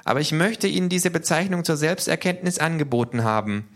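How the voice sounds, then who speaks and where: A small male marsupial, anxious and stubborn, as a man puts him on, speaks in a strained high voice that rushes ahead. He sounds pushed and excitable in a read-aloud storybook. His manner is quick and nervy. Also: close to an everyday voice. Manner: high, agitated, rushing.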